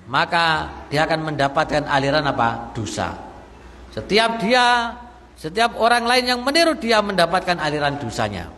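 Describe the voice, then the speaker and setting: A man's voice: sits high, pushed and bright, in a large hall. A man teaching a mosque study lecture, reciting Arabic text and then explaining it plainly with repeated phrases. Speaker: Islamic teacher.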